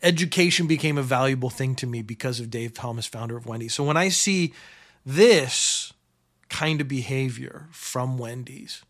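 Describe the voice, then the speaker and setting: A man's voice: medium pitch, normal speed, fairly bright tone. A middle-aged man hosting a show, casually telling a rambling story and repeating phrases for comic effect.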